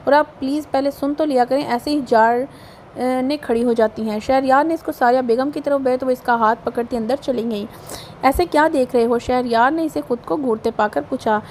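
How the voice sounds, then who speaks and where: A woman with a Pakistani Urdu accent reading a romance novel aloud, voicing every character in a lively way. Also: high voice, normal speed, a little hiss or hum. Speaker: audio novel narrator.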